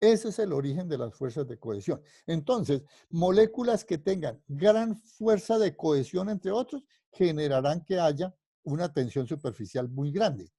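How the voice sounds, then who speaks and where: Mellow-voiced male physics lecturer, rather high. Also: lively intonation, unhurried, husky, no room sound, clean studio sound. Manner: explanatory, constantly checking understanding with questions; rephrases and restarts mid-sentence while thinking aloud. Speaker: physics professor. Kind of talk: university lecture.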